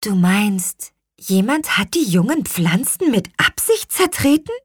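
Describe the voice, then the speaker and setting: A woman's voice: medium pitch, very animated, unhurried, breathy edge, dry recording, clean studio sound, pitched above the performer's own voice. A woman voicing a small, good-natured female witch who chants spells in a sing-song way. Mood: lively.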